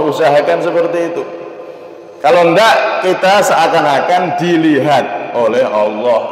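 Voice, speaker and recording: Man, Islamic preacher, explanatory, rhetorical questions, slow Arabic recitation, long hall reverb. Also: medium pitch. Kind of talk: Quran exegesis lesson.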